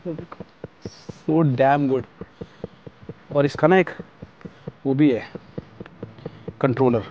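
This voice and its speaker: A man chatting excitedly to camera from inside a small tent with a wood stove, slipping English words into his talk. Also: medium pitch, dull audio, background noise. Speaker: camping vlogger. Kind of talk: casual chat to camera.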